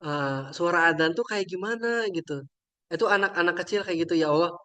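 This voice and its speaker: A man's voice: sits high, fast, sharp tone. A young man, a religious teacher, sharing a moving story in a casual, chatty way with many trailing fillers. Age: young adult. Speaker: religious teacher and invited speaker. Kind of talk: casual heartfelt storytelling talk.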